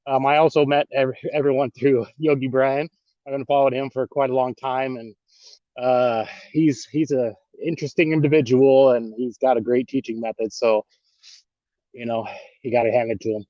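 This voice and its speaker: A man's voice: medium pitch, fairly even intonation, normal speed, dry recording. A man, out of breath from a bike ride, introducing himself on a video call in a rambling way with many fillers. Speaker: workshop participant, yoga instructor. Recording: dull lo-fi call audio.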